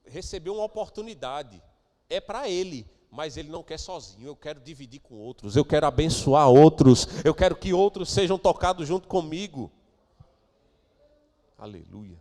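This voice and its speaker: A man preaching a sermon as pastor of a church, moving between quiet asides and loud, emphatic declarations. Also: a little high, sing-song, normal speed, long reverb tail. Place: church sanctuary.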